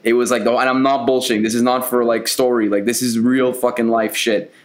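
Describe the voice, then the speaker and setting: A man's voice: medium pitch, level tone, fairly quick. A man, a podcast co-host, telling a personal story in a rambling, profane, emotional way. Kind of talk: casual storytelling. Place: Montreal.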